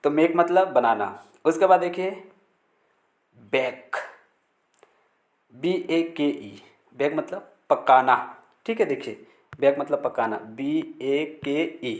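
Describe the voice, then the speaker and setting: A man's voice: a little high, lively intonation, slow, pauses often. Man teaching pronunciation in an echoey room. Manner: spells words letter by letter, repeats key rules; frequent checking fillers. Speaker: English teacher. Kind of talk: Hindi-language pronunciation lesson.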